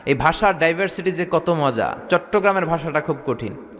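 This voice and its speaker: A man's voice: fairly high pitch, animated, normal speed, a bit bright, long reverb tail. A man from Bangladesh preaching a playful sermon to a large tent gathering, mimicking regional dialects and leading chants. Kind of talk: Islamic sermon to a crowd.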